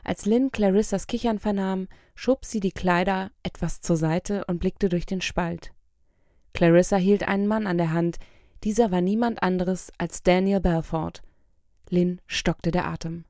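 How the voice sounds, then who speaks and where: A woman narrating an audiobook in a calm, measured reading voice, recorded close to the mic. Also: lowish voice, no room sound. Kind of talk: scripted narration.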